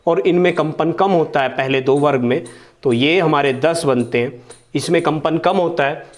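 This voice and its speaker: A young man teaching a grammar lesson, speaking slowly and repeating each sound for his pupils to copy. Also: on the high side. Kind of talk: online Hindi grammar lesson.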